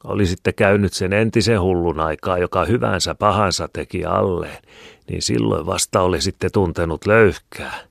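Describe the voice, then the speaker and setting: A man's voice: low voice, gravelly, dry recording, clean studio sound, voice pushed up. A man voicing a coarse, hardened old workhouse woman who talks in a jeering, offhand way. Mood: mocking.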